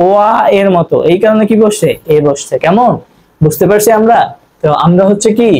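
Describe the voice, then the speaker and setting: A young man from Bangladesh teaching an online grammar lesson as an English tutor. He keeps asking quick questions and answering them himself, repeating each rule to drill it in. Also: high voice, darkish tone, poor audio.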